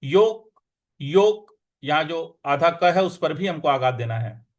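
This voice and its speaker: A man teaching how to recite a scripture verse, chanting it slowly and explaining each sound. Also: on the high side. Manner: slow, drawn-out chanting of verses between quick explanations. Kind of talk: recitation lesson with slow chanting.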